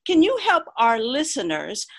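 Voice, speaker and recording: A woman's voice: sits high, huge pitch swings, measured pace, exaggerated voice. A woman playing a patient vocal coach. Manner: patient, with hesitant "uh" fillers. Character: patient female vocal coach, mildly exasperated. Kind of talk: comedic radio sketch.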